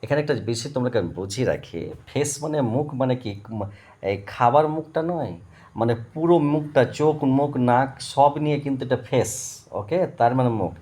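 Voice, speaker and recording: A man's voice: medium pitch, expressive, normal speed, dark tone. A middle-aged man with a Bengali accent tutoring an English vocabulary lesson, spelling each word letter by letter and repeating its meaning.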